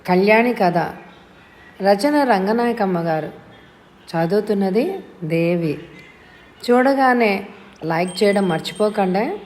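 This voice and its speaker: Woman audio-novel reader, mid pitch, steady storytelling. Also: slow, pauses often. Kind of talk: storybook narration.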